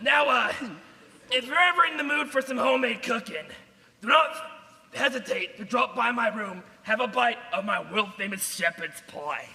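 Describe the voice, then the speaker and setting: An actress playing a very old, doting, forward widowed grandma in a stage musical. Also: female voice, on the high side, moderate pace, gravelly, sharp tone. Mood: inviting. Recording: echoey hall, distant, noisy stage recording.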